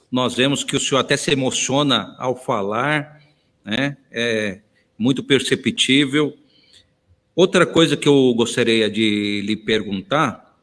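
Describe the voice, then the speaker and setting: Male interviewer, effusive and devout, unhurried delivery, voice ringing in a reverberant hall. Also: medium pitch, fairly bright tone. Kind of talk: church interview.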